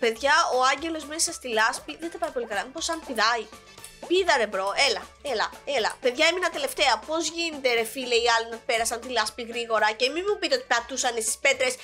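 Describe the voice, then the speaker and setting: A young woman, sick with a sore throat, giving excitable gameplay commentary as a gaming YouTuber. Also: high voice, soft background music. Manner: excitable, exclaiming at the game.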